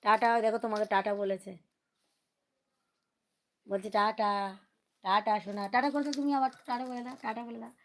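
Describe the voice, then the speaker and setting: A young woman, a mother on a livestream, talking to her small child in a coaxing, gently scolding, sing-song way. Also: a little high, fairly even intonation, a little fast, pauses often. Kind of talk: casual talk to a toddler on a livestream.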